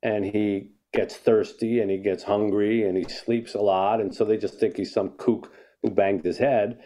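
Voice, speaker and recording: A man's voice: fairly low pitch, fairly even intonation, normal speed, warm tone. An older man, an author guest in a conversational interview, telling a story and reflecting, often restarting his sentences.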